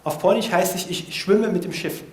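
A man's voice: high voice, moderate pace, darkish tone. A man in an informal setting explaining foreign vocabulary to listeners, thinking aloud with frequent hesitations. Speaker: language learner presenting vocabulary notes. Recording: echoey room.

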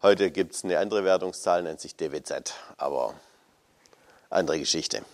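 A man's voice: sits low, normal speed. A man in his fifties in a casual, rambling chat about old computers, hesitant and full of fillers.

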